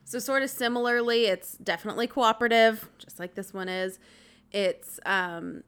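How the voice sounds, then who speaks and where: A woman co-hosting a casual board game chat, animated, acting out game moments in quick asides. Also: a little high, clean tone.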